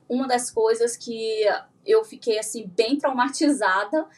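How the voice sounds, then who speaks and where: A woman with a Brazilian Portuguese accent, a guest in a casual interview, telling a lively story and acting out what people said. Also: on the high side, unhurried. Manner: animated storyteller who acts out what she and others said. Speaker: guest, firearms instructor.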